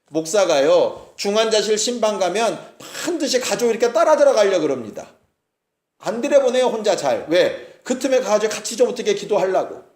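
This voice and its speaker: A man's voice: high-pitched, darkish tone, roomy sound. A male pastor preaching a sermon, retelling a story with acted-out quotes and rhetorical questions. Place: church sanctuary.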